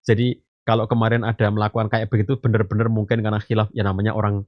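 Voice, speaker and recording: Fast and flat, a man with a lowish voice gives a podcast parenting talk as an Islamic teacher, drawing on homely stories and analogies. He addresses his audience as "ayah bunda" and says "gitu" and "eh" a lot, in a dry, slightly muffled recording.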